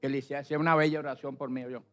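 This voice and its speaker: A middle-aged man giving a personal testimony in church, plain-spoken and filling his pauses with "pues". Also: medium pitch, little pitch movement, a bit bright, faint music behind. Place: church service.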